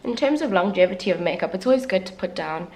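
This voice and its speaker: A fast-talking young beauty vlogger with an animated, medium-pitched and slightly mellow voice chats her way through a makeup tutorial. She's candid and casual, with self-deprecating asides, and a little congested as the flu wears off.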